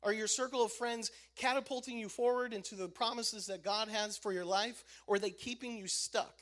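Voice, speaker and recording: A man's voice: high voice, steady tone, brisk, fairly bright tone. A man who works as a youth minister, preaching an emphatic sermon and repeating key lines for emphasis. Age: adult.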